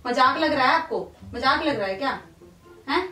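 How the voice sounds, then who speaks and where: In a prank video shot in a home bedroom, a woman berates her husband in a high-pitched, sharp voice with lively intonation and moderate pace, asking one short question over and over. The room is echoey, she's distant from the mic, and music plays underneath.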